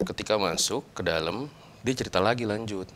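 A young man with a fairly low voice tells a personal story in a relaxed chat. He is animated and keeps slipping into the voices of the people he quotes. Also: a little fast, a little hiss or hum. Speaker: guest storyteller.

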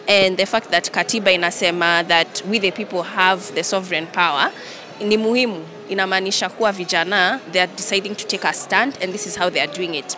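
A young adult woman with a Kenyan accent, medium in pitch, is interviewed on the spot by reporters holding microphones in a large indoor event hall. She switches between English and Swahili, and the hall's busy noise is clearly heard.

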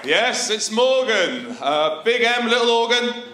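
A man's voice: very high voice, big pitch swings, slow pace, pushed and bright. A man in his thirties with a Welsh Valleys accent, performing a cheeky, sweary stand-up routine with punchy delivery into a handheld microphone. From Wales, the Valleys. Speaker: stand-up comedian. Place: large theatre stage, indoors. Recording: echoey theatre stage sound.

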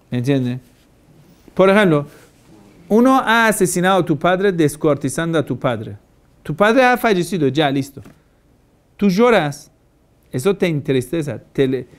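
A male cleric gives a religious lecture, stressing his points with repeated phrases and rhetorical questions. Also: high-pitched. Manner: asks many rhetorical questions. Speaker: Shia cleric.

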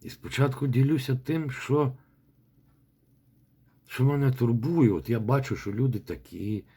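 In a rambling spoken-feedback voice message, a man coaches a student's recitation, repeating words as he demonstrates. His voice is medium in pitch, unhurried, dark in tone and edged with breathiness.

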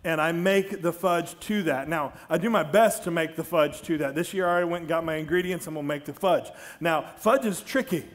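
Middle-aged male pastor, high voice, lively sermon storyteller on a headset mic. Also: fairly quick, few pauses. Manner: storytelling, animated, jokes with the congregation. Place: large church stage.

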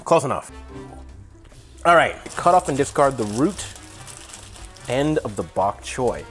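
A man's voice: medium pitch, lively intonation, a little slow, a bit bright, soft background music. A young man, a little drunk, chatting casually with wry, grumbling asides as he hosts a cooking vlog. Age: young adult. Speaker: vlog host reviewing a meal kit. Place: indoors, home kitchen. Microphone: lapel mic.

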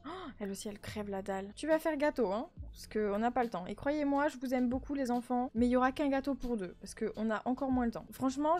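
A high-pitched woman chats through her video game in a running Let's Play commentary. She jokes constantly and sounds fed up with the game's demands. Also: a little mellow. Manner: chatty, exasperated, joking. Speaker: gaming YouTuber.

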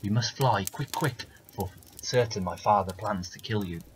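A man's voice: fairly low pitch, moderate pace, slight background noise, close to an everyday voice. A man voicing a clever young woman in a folk tale, urgent and commanding.

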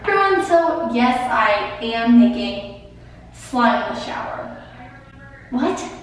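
A woman's voice: a little high, big pitch swings, slow, distant mic, a little hiss or hum. A woman vlogger giving a chatty, upbeat slime tutorial, her voice ringing with strong echo inside an enclosed hotel shower. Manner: chatty, filler-heavy, upbeat. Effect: strong echo from an enclosed shower stall. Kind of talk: casual slime-making tutorial. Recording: very echoey, from off-mic.

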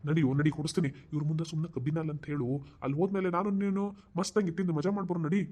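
A woman's voice: low voice, fairly even intonation, racing, mellow. A woman playing a sly old Dharwad grandpa. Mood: playful. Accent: Dharwad Kannada. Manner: teasing, conspiratorial. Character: indulgent playful old grandfather.

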